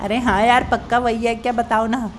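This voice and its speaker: A man's voice: extremely high pitch, little pitch movement, fairly quick, background noise, voice pushed up. A man voicing a whiny cartoon boy sidekick in a game video. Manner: whiny, starts lines with "arre yaar".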